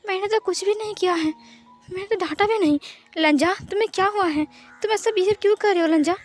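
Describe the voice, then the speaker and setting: A woman's voice: very high-pitched, brisk, faint music behind, voice pushed up. A woman voicing a stammering, panicked young man. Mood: pleading. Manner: stammering, repeating words.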